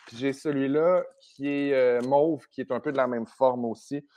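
A man's voice: mid-range voice, steady tone, normal speed, mellow. A man in his thirties from Saguenay with a Quebec French accent, a guest actor chatting casually over a video call, playful, hesitant when turning serious. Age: 30s. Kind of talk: casual interview chat.

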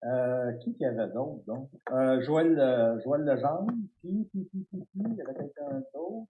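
A man with a Québécois accent telling an animated, self-mocking story full of fillers and restarts. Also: medium pitch, a little slow, phone-quality sound. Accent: Québécois French. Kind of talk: casual storytelling.

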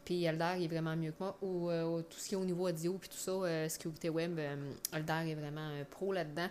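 A woman's voice: sits low, fairly even intonation, fast talker, darkish tone, slight background noise. A woman from Quebec with a Beauce Quebec French accent, co-hosting a podcast in a chatty way over a remote mic, laughing often and using rural expressions. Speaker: podcast co-host. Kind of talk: casual chat.

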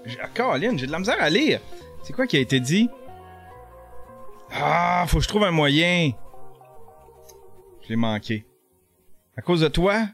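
A middle-aged man with a Quebec French accent giving casual live commentary on a video as a streamer, jokey and animated, stumbling over his words. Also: fairly high pitch, measured pace, creaky, long pauses, faint music behind.

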